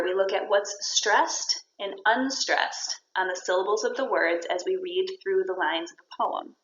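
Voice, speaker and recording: A woman's voice: medium pitch, fairly bright tone. A woman teacher walks her students through a poetry lesson, explaining each point step by step and praising their answers. Her voice carries around a roomy space, and the sound is a little dull and lo-fi. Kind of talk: recorded classroom lesson.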